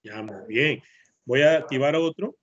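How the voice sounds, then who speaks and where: This man, who has an Ecuadorian Spanish accent, patiently repeats words for children in an online English class to drill pronunciation. He speaks a little slowly in a mid-range voice with a fairly bright tone. The video-call audio from his computer mic is muffled and lo-fi.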